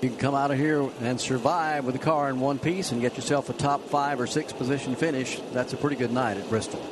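A man's voice: medium pitch, steady tone, brisk. A man giving live stock car race commentary as a motorsport commentator. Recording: very noisy trackside broadcast, engine roar. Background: loud race cars.

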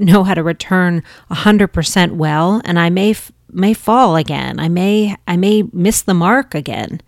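Woman w a low voice, gentle earnest spiritual podcast talk, dry close sound. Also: vocal fry, no room sound. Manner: gentle, earnest, with soft restarts and Hebrew terms. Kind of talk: reflective spiritual teaching.

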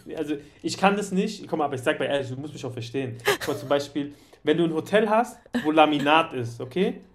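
A man co-hosting a podcast, chatting casually, agreeable and animated when retelling stories. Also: on the high side, fast talker, a little hiss or hum. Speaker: podcast co-host.

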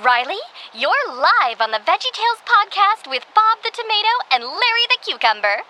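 A woman's voice: extremely high pitch, very animated, moderate pace, bright, forceful tone, full character voice. A woman voicing a cheerful female rhubarb who screens callers for the show, chirpy and upbeat. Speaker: call screener.

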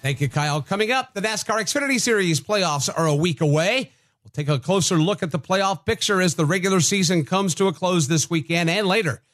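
A man's voice: sits high, fairly quick, fairly bright tone, soft background music. A man hosting a sports radio show, presenting from a script.

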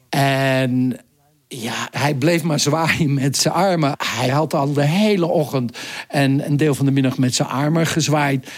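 A male correspondent telling a radio interview about events around him, in a vivid, chatty way with frequent hesitations. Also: mid-range voice. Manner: vivid, conversational storytelling with hesitations. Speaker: foreign correspondent. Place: Nairobi, Kenya.

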